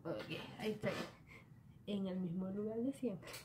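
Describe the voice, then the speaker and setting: A woman's voice: mid-range voice, measured pace, noisy background. A young woman from the Dominican Republic with a Dominican Spanish accent, chatting casually as she shows her planner, slipping English words into her talk, filmed on a phone in a small bedroom. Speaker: vlogger. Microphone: phone camera at arm's length.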